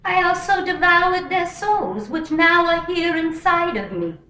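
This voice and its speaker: A woman playing the gloating spirit of an undead serial killer in a horror film, speaking in a slow sing-song menace. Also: very high-pitched, sing-song, sharp tone, heavily acted. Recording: echoey film soundtrack.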